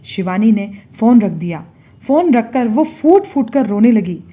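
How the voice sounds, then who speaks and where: A woman storyteller reads a scripted story at an even, measured pace. Her voice is fairly high, with a dark, slightly husky tone. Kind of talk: scripted narration.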